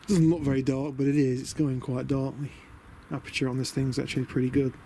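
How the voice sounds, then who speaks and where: Heard over wind on noisy outdoor camera audio, a British DIY vlogger shows his camper van conversion by a van beside a house. His medium-pitched voice has a dark tone and level delivery at a brisk pace. He rambles in an understated, chatty manner with muttered asides to himself.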